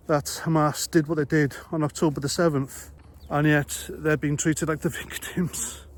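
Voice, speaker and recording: Fairly high in pitch with a darkish tone, this Welsh-accented man from Wales is an ex-army vlogger. He airs his opinions bluntly and conversationally, firing off rhetorical question after rhetorical question.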